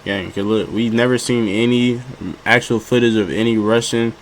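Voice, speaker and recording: A man's voice: medium pitch, steady tone, moderate pace, slight background noise. Slangy, rambling man reacting to a video. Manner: rambling, joking, slangy, repeats himself. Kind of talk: casual reaction commentary.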